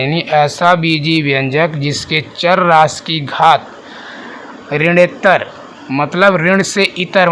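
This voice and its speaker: A high-pitched male math teacher talks through a lesson. He keeps asking the class questions and then answers them himself, and he slowly restates each definition. Faint noise hums behind him. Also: a bit bright. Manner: repeats and rephrases definitions slowly.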